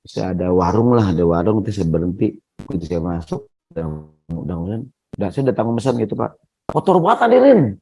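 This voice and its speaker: A man's voice: low-pitched, fast, warm tone, poor audio. A man giving a conversational sermon in a mosque. He keeps turning to the congregation with questions and often addresses them directly. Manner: conversational, keeps asking the audience "ya nggak?"; often addresses listeners as "hadirin". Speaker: preacher. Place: mosque hall.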